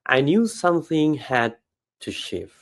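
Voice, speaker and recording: A man giving a steady, earnest personal testimonial. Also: a little high, unhurried.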